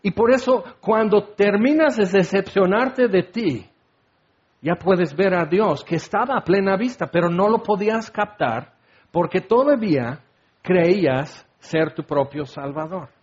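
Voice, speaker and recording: Preacher, high voice, chatty sermon style with acted-out quotes, muffled lo-fi sound. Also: male voice, unhurried. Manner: expressive, conversational, acts out quotes. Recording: dull lo-fi recording.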